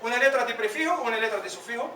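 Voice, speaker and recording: Bright-voiced male teacher, echoey classroom. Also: extremely high pitch, far from the mic, a little hiss or hum. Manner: asks students questions by name, drills pronunciation slowly. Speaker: Arabic teacher. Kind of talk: classroom lesson.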